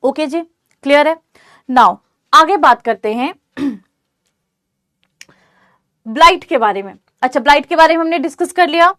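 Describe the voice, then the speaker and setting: A woman's voice: sits high, lively intonation, moderate pace, pauses often, fairly bright tone, dry recording, studio quality. A woman teacher giving an online exam-prep lecture, reassuring her students and checking in often to ask whether they follow. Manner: reassuring, repeats "theek hai" to check understanding.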